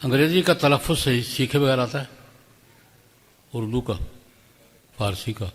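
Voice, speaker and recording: An older preacher in a hall. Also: male voice, medium pitch. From Pakistan. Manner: folksy storytelling with rhetorical questions and humor. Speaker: religious scholar. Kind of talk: sermon at graduation ceremony. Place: large hall. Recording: long hall reverb.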